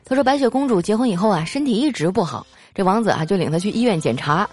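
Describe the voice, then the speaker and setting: A woman's voice: mid-range voice, animated, quick pace, slightly rough. A woman hosting a comic show, reading listener jokes in a playful way and laughing often. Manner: playful, laughs often, acts out quoted lines in a raised voice. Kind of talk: comic podcast joke reading. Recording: light background music.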